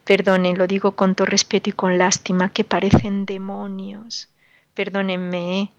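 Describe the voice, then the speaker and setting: Speaking to radio listeners, a woman preaches emphatically and admonishingly, repeating herself and asking rhetorical questions with sorrow in her tone. Her medium-pitched voice is completely flat and moves at a moderate pace, with a lo-fi sound and no echo.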